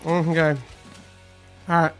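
A man co-hosting a casual snack-tasting show, talking in a playful, joking way with quick asides. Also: on the high side, completely flat delivery, faint music behind. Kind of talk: casual chat.

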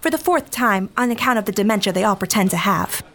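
A woman's voice: medium pitch, animated, fast, fairly bright tone, close to an everyday voice. A woman playing a small-town journalist who narrates in a wry, gossipy way. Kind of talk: scripted comedic narration.

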